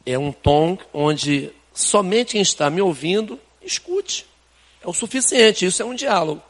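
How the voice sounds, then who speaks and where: An older Brazilian-accented pastor preaches in a chatty, down-to-earth way, tossing in rhetorical questions. His voice sits quite high for a man. The sound carries the long reverb of a church hall. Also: lively intonation, measured pace. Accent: Brazilian Portuguese. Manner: conversational preaching, rhetorical questions, colloquial asides. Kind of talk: sermon. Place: church sanctuary.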